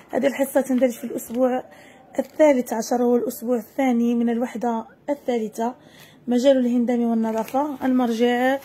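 High-voiced woman teaching young children. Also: mellow, breathy edge. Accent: Moroccan. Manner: slow, drawn-out word modelling for children. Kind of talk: first-grade lesson.

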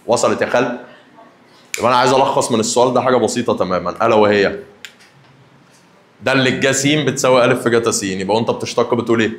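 An Egyptian man in his young adult years teaches math in a lively, teasing way, calling out to his students as he goes. His voice sits in an ordinary middle register. The room gives it a clear echo. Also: medium pitch. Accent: Egyptian Arabic. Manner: teasing, addresses students directly. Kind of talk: lively classroom lesson.

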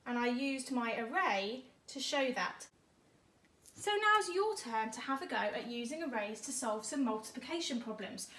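A woman's voice: a little high, expressive, moderate pace, fairly bright tone, echoey room. A woman giving a maths lesson for young children, teaching a child to count aloud step by step in an encouraging way, as a primary teacher. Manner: encouraging, addressing pupils directly.

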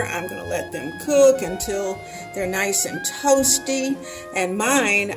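Slow, chatty woman cooking at home. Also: medium pitch, low-quality recording. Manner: chatty, homey, talks the viewer through each step. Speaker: home cooking video host. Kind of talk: casual cooking demonstration. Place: home kitchen.

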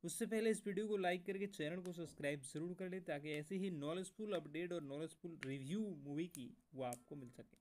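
A man hosting a movie review video, talking casually to viewers as friends and pausing now and then with fillers. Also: fairly high pitch, darkish tone. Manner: keeps addressing viewers as friends, halting with fillers. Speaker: movie review channel host.

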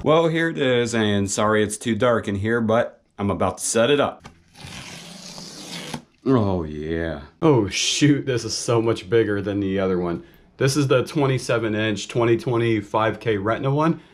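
A man chatting casually in a vlog, excitable and quick to exclaim, talking from inside his car. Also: fairly low pitch. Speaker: vlogger. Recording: car noise in background.

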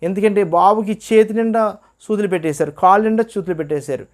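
Speaking fast in a high voice, a man tells the story of his religious testimony with earnest conviction, performing the quoted dialogue of others as he goes.

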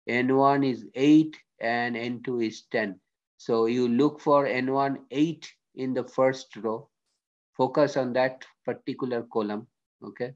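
A man teaching a statistics lesson as a screen-recorded voice-over, working through it step by step and often checking in with "okay?". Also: medium pitch. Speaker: statistics lecturer. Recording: dull lo-fi screen-recorded audio.

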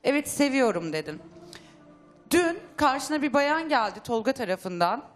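A woman's voice: sits high, very animated, a little slow, faint music behind. A woman guest on a talk show lecturing and accusing another guest. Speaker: studio guest. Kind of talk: heated talk show confrontation.

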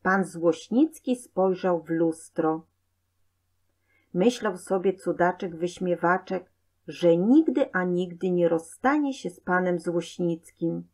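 A woman reading a children's story aloud in a clear, measured way. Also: on the low side, a little mellow. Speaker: narrator.

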